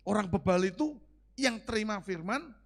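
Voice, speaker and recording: A male pastor, preaching a conversational sermon. He keeps asking the congregation questions and moves between quiet asides and loud emphatic lines. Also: sits high, lively intonation, normal speed, creaky.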